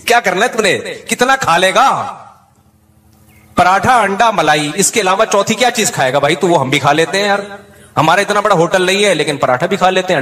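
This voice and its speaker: Guy doing a funny religious talk, a bit high voiced, lots of stories and jokes. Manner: animated storytelling with jokes, laughing at his own punchlines. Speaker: Islamic scholar giving a talk.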